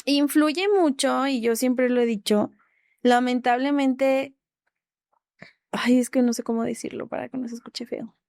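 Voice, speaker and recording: A woman's voice: high-pitched, fairly even intonation, unhurried, darkish tone, no room sound, clean studio sound. A young Mexican woman retelling a hard episode, acting out the dialogue and laughing between lines. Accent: Mexican Spanish. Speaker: interview guest. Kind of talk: candid storytelling.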